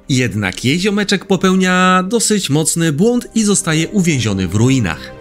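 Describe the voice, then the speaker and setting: Young male game reviewer, slightly high voice, wry and lively, faint music underneath. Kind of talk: scripted retro game review voice-over.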